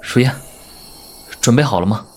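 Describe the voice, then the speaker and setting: A man's voice: medium pitch, moderate pace, darkish tone, lightly acted. A man voicing a cocky, crude ring spirit. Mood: reassuring. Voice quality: brash, mocking, swears under his breath. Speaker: lead character. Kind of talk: animated series voice acting.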